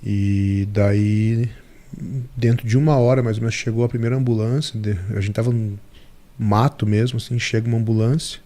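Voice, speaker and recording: A man as a podcast guest, telling a story in a lively way and acting out the dialogue. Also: fairly low pitch, moderate pace.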